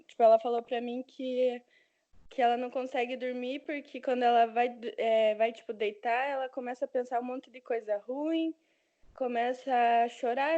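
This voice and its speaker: A woman's voice: high voice, dark tone. Rambling young woman on a dull call. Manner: rambling, many fillers like "assim, sabe". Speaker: student. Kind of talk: student telling a story in class. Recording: dull lo-fi online call audio.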